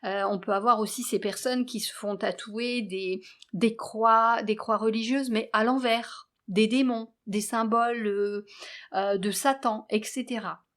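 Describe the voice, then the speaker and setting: Woman kinda high voice, slow earnest spiritual guidance talk, stops and restarts sometimes. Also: steady tone, a bit bright. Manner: measured and earnest, with hesitant restarts. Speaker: spiritual guidance channel host. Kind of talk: spoken spiritual guidance monologue.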